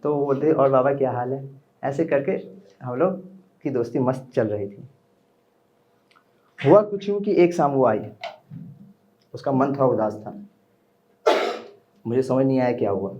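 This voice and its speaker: Mellow and expressive, a young man's mid-range voice moves at a measured pace with frequent pauses, and the recording's highs are cut off. He's doing live storytelling at a small indoor open mic venue, telling a personal story and chatting with listeners in between.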